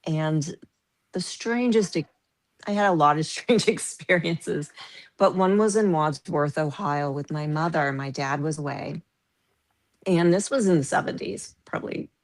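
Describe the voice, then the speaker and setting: Low-voiced woman telling stories. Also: measured pace. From US Midwest. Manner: animated, laughs through her stories. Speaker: podcast guest. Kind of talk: casual storytelling.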